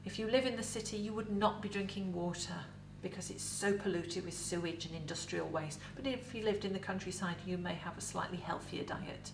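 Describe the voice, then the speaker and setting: A middle-aged woman with an English accent, a museum educator in costume, giving a lively, chatty talk to camera about food with props in an indoor set. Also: on the low side, a little fast, gravelly, few pauses, noisy background. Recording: roomy echo, voice from a distance.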